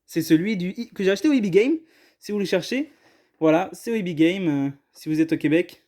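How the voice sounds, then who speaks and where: In a casual unboxing chat, a man opens trading card boxes on camera, his high, warm voice expressive and a little fast. He hesitates often, apologizes repeatedly and is self-deprecating.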